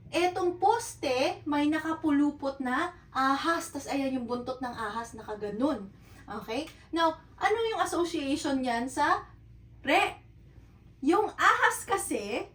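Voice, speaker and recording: A woman with a high, fairly bright voice teaches Japanese to beginners, mixing Tagalog and English. Patient and repetitive, she frequently checks in with an "okay?" The recording is low-quality and reverberant, with a distant microphone.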